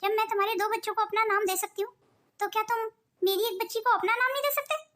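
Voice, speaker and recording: A woman's voice: very high voice, steady tone, fast, fairly bright tone, slight background noise. A woman doing a pleading wronged cartoon wife. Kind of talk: cartoon voice acting.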